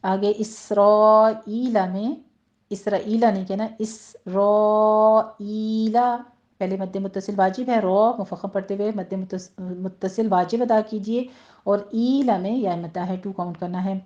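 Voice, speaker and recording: A woman recitation teacher talks through pronunciation rules step by step, pausing to model words slowly and clearly. Her voice is mellow and warm, and the recording is slightly dull and lo-fi. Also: medium pitch, fairly even intonation. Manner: patient, instructive, slows right down to model each word. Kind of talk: tajweed lesson with slow recitation.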